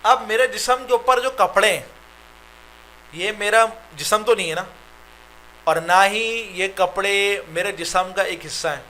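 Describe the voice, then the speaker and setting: A man with a Pakistani Urdu accent gives a recorded online lecture on Arabic grammar, breaking it down step by step and asking "right?" after every point. His voice is high and sharp.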